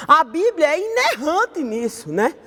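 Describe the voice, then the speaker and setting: High-voiced Brazilian woman teaching in a reverberant hall. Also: big pitch swings, measured pace, sharp tone. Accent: Brazilian Portuguese. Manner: conversational, tags sentences with "né?". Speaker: Bible class teacher. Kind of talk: online Sunday school lesson.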